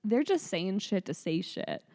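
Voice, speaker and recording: A woman's voice: medium pitch, unhurried. A young woman co-hosting a podcast, chatting casually and telling a story with lots of swearing and acted-out voices. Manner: animated storyteller, swears freely, acts out voices. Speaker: podcast co-host. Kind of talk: casual chat.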